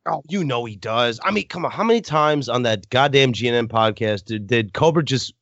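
A man's voice: medium pitch, expressive, brisk, fairly bright tone, dry recording, muffled recording. A man hosting a casual podcast chat, rambling, swearing and laughing often. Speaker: podcast host.

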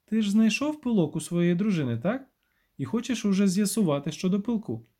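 A male reader voicing a brisk, urgent young woman who heads a lab, speaking in clipped lines in an audiobook. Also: sits high, big pitch swings, mellow, pitched above the performer's own voice.

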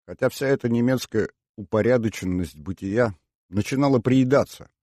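A man reading an audiobook aloud in measured, scripted narration. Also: medium pitch, dark tone, no echo, studio quality.

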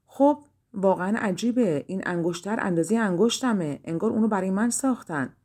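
A woman voicing an excited young princess in a storybook reading. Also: mid-range voice, lightly acted. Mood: delighted.

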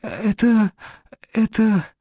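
A man's voice: very slow, warm tone, breathy edge, dry recording, full character voice. A man doing a tearful pleading young wife. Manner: pleading, breathless, high and tearful.

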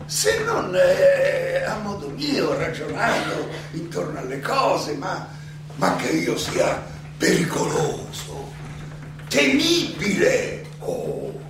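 A man playing the seventy-year-old Socrates in a theatrical monologue, an ironic, indignant accused philosopher who addresses his judges haltingly, repeating phrases and throwing out questions. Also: sits high, wildly swooping pitch, noisy background, exaggerated voice. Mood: wry, self-deprecating. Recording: very echoey, distant miking, music behind.

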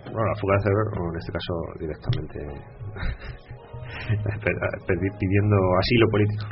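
A man's voice: low-pitched, moderate pace. A man co-hosting a radio show, jokey and teasing in casual banter. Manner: jokey and teasing, laughs often. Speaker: radio co-host. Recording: dull radio broadcast with music behind.

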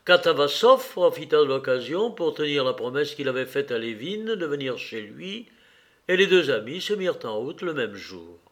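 A man reading a classic novel aloud in a measured, steady way. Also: a little high. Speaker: audiobook reader.

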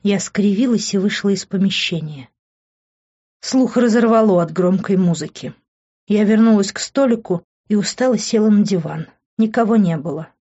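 A woman's voice: mid-range voice, normal speed, warm tone, lo-fi sound. A woman reading a first-person novel aloud as an audiobook narrator, with an emotive storytelling manner.

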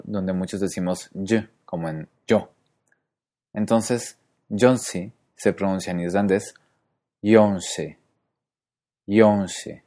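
Deep-voiced man explaining patiently. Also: darkish tone. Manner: methodical, spells out letters and repeats sounds slowly. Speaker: podcast host. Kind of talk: explanatory podcast monologue.

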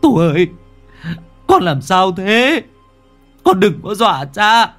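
A man voicing a grieving young father who pleads in loud cries in a storybook reading. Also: medium pitch, big pitch swings, moderate pace, slightly rough, faint music behind. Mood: desperate.

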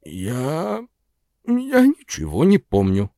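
A man's voice: mid-range voice, huge pitch swings, slow, mellow, no room sound, clean studio sound, full character voice. Man doing a timid, mumbling drunk projectionist. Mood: confused. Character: frightened middle-aged male drunk projectionist. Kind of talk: audiobook character voice.

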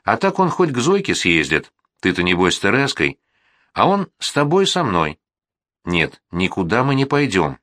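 A man voicing a sensible, sullen boy who argues calmly and firmly. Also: fairly low pitch, normal speed, dry recording, clean studio sound. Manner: gloomy, reasoning.

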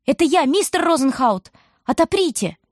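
A woman's voice: mid-range voice, expressive, normal speed, a little mellow, slightly rough, no echo, studio quality. A woman voicing a brave, stubborn young girl in an audiobook, urgent and determined. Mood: shouting. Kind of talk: audiobook reading.

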